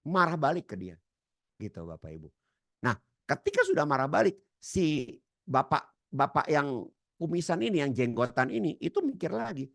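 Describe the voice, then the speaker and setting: A man giving a seminar lecture, addressing the audience directly and acting out quoted dialogue with sudden loud, high outbursts. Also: sing-song, moderate pace, gravelly, dry recording, clean studio sound. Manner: addresses audience as Bapak Ibu. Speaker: trainer.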